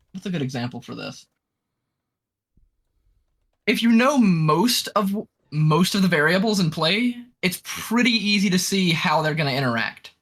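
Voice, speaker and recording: A man with a fairly high, bright and forceful voice, talking casually on a voice call. He explains things bluntly and with emphasis, pushing his points with energy. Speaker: writing advice speaker.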